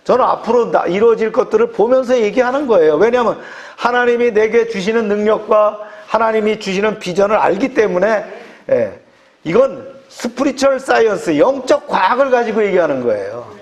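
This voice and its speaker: Male pastor, raised pitch, emphatic preaching with quick affirmations between points. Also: expressive. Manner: emphatic preaching, punctuated by frequent short affirmations. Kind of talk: sermon.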